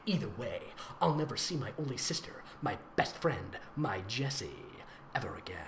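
A man with a medium-pitched voice, big pitch swings and vocal fry reads fan fiction aloud at a moderate pace. As host and voice actor, he's theatrical and giggly, layering on sarcastic, mocking remarks. The recording has a roomy echo and faint noise.

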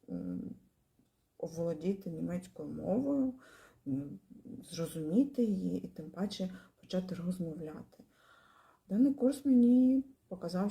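A woman giving a spoken testimonial about her language course, pausing often with fillers and restarting her words. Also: fairly low pitch, creaky, dark tone. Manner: hesitant, many fillers and pauses.

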